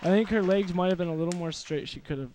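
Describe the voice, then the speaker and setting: Higher-pitched man calling a diving meet. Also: fast, a crowd in the background. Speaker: swim meet commentator. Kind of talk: casual live sports commentary. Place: indoor pool during a school meet. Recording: noisy pool ambience.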